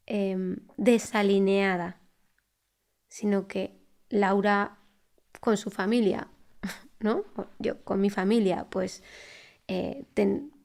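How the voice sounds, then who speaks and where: A woman who works as a speech therapist talks through her ideas as a podcast guest. Her pitch sits in a middle range. She speaks in a reflective, conversational way, restarting phrases and checking in with tag questions. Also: darkish tone. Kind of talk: conversational interview. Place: podcast recording.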